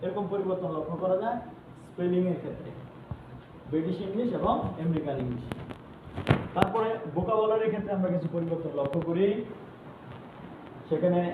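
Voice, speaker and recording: A man giving an English lesson, explaining slowly and repeating example words. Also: high-pitched, phone-quality sound. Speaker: English teacher. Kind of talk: online lesson explaining to students. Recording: echoey room, mic far off, noise.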